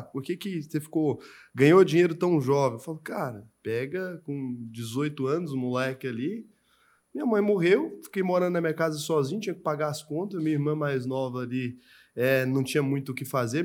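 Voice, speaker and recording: A man from Brazil hosting a casual podcast chat, with casual, slangy reactions and stories. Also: fairly high pitch.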